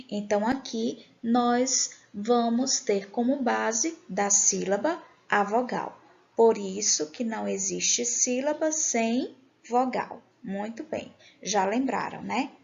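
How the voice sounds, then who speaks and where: A woman teaches grammar at a slow, unhurried pace, with a gravelly fry in her fairly high voice. She patiently poses questions to her class and answers them herself. The recording sounds dull and lo-fi. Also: a little mellow.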